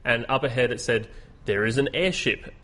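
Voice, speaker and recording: A man's voice: mid-range voice, moderate pace, bright, forceful tone. A man, chatting on a podcast. He rambles, restarts often and laughs his way through retelling a story. His pace is easygoing and conversational. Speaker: podcast co-host. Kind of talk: casual chat.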